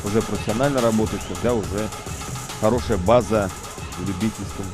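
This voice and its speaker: A man's voice: fairly low pitch, brisk. A man working as co-commentator, giving live analysis of a fight. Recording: loud music behind the commentary.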